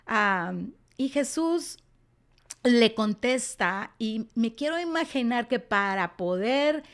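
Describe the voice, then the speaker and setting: A woman with a fairly high voice teaches a Bible lesson. She tells the story in an earnest, expressive way and reads scripture aloud. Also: slow.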